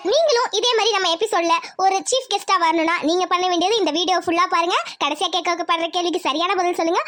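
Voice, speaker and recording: A woman's voice: extremely high pitch, fairly bright tone. A woman host giving a friendly scripted intro to viewers of a cartoon channel.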